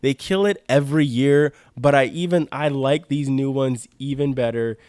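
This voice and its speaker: A man's voice: medium pitch, moderate pace, darkish tone, clear, resonant tone, dry recording, studio quality. A young man co-hosting a podcast, chatting casually about sports uniforms, eager, with many "like" fillers and restarts. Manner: enthusiastic, lots of "like" fillers and restarts. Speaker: podcast co-host.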